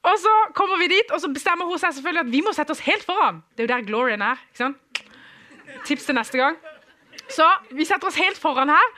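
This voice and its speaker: Young man, church testimony, lively storyteller, bright forceful tone, acts out voices. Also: very high voice. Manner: animated, acts out quoted dialogue, chuckles often. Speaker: speaker giving a testimony. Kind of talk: humorous personal storytelling to an audience.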